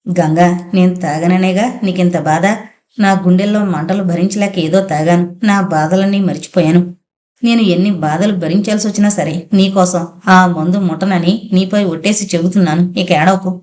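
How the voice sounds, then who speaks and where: A boastful drunk husband in an audiobook, read by a woman. He talks in a low, warm voice, swaggering and loose. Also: fairly even intonation, normal speed, close to an everyday voice. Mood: pleading. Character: drunk middle-aged village husband, boastful. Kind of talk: audiobook character voice.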